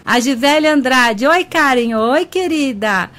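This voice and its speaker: A woman's voice: high voice, lively intonation, measured pace, fairly bright tone. A woman radio host with a Brazilian Portuguese accent, chatty and affectionate, greeting listeners by name and laughing often as she talks about spirituality. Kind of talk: web radio talk show on ufology and spirituality. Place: radio studio.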